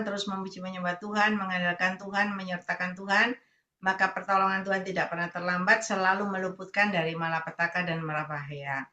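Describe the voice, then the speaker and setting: A woman's voice: on the low side, sharp tone. A woman evangelist answering a testimony with affirming, rhythmic phrases and a blessing. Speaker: evangelist leading prayer meeting. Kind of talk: preacher's response and blessing.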